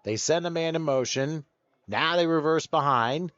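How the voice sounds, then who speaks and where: A man calling play-by-play for a football game, building excitement as the plays unfold. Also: a little high, moderate pace, no room sound, highs cut off. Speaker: play-by-play announcer. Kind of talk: sports play-by-play commentary.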